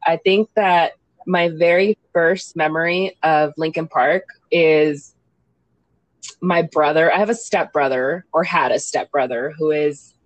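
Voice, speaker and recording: Woman from southern California, young adult, low-pitched voice, dry close sound, rambling casual podcast chat. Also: steady tone, a little slow, no echo, muffled recording. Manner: loose, rambling, filler-heavy with frequent 'um' and 'like'. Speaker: podcast co-host.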